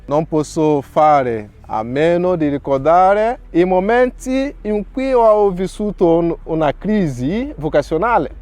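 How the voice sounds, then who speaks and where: Slow, earnest priest from Nigeria. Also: male voice, on the high side, a little mellow. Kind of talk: reading a prepared testimony.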